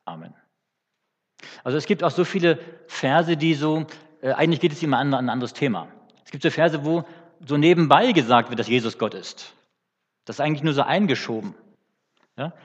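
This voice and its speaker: A man preaching an unscripted teaching sermon in a church hall, pausing often with fillers and restarts. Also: fairly high pitch. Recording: dull sound with long church reverb.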